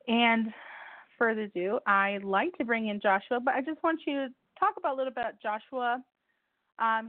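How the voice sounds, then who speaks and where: This Spanish-speaking woman hosts a relaxed call-in radio program, rambling chattily, going back over details and stumbling as she talks. Her voice sits in the mid-range with no echo, heard through a thin, dry phone connection.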